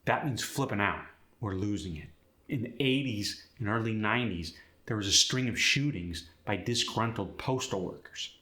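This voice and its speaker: Male instructor, lowish bright voice, explanatory scripted lesson delivery, echoey room. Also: expressive, normal speed. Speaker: accent instructor. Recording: roomy echo.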